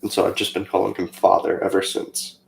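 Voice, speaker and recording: A young man tells a personal story in a loose, chatty way, full of fillers and asides, perking up whenever he quotes himself. His voice sits a little low with a gravelly edge, and the room around him echoes noticeably. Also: a little fast. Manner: chatty, rambling with fillers, animated when quoting himself. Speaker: co-host of a faith channel.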